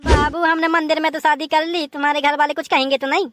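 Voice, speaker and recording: A woman's voice: sits high, flat delivery, quick pace, fairly bright tone, no room sound. A woman voicing a lazy, grumbling young bride in a comic cartoon, whiny and theatrical with wailing exclamations.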